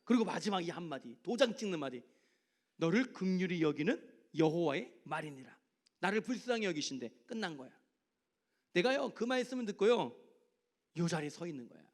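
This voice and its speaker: A man's voice: high voice, fairly quick. A man, a youth pastor, preaching to teenagers in a church service, telling personal stories and putting questions to them. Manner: animated, asks the teens direct questions. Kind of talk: youth sermon with personal storytelling.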